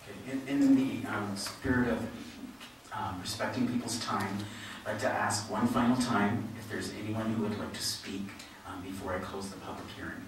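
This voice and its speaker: A man's voice: on the low side, steady tone, normal speed, slight background noise. A man chairing a public hearing, polite and procedural, thanking people as he moves things along, heard from a distance in a hall. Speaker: meeting chair. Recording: echoey hall, distant mic.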